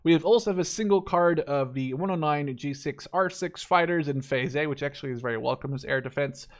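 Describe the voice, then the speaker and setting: Reviewing a game deck for his YouTube channel, a Dutch man in his twenties speaks a little fast in a slightly high voice. The gameplay talk is loose and unplanned, wandering and full of strong opinions.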